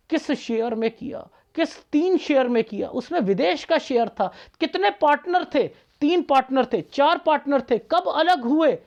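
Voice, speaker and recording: A man's voice: very high voice, a little mellow, muffled recording. A man, a palmist, talking casually and bluntly to his viewers, lecturing and scolding them. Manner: blunt, straightforward talk.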